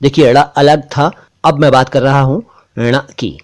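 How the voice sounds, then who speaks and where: A man hosting a pronunciation lesson, talking straight to his viewers and repeating each word slowly for drill. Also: medium pitch, fairly even intonation. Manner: slow, deliberate repetition of words for drill; warm, direct address to viewers as friends. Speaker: language teacher and channel host.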